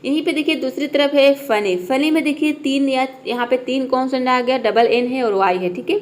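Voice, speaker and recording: A woman's voice: high voice, a little mellow. A middle-aged woman teaching a basic lesson in a patient, repetitive way, often checking in with listeners. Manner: patient, repeats "theek hai" often. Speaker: English teacher. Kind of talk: classroom-style lesson.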